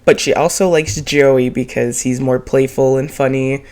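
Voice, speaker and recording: A woman's voice: rumbling low, fairly even intonation, normal speed, a little mellow. A woman with a nasal, stuffed-up voice from a cold, giving a chatty, opinionated, casual recap as a show host. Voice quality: nasal, congested, whiny. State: sick with a cold. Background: background music.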